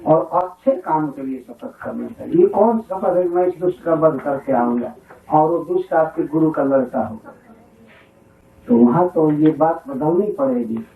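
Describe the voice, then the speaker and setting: A man's voice: a little high, expressive, unhurried, gravelly. A man giving a scripture talk as a spiritual teacher, telling stories from his own village, often chuckling and reciting Sanskrit verses. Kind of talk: sermon-style storytelling. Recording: echoey hall, distant phone-like lo-fi 1996 tape.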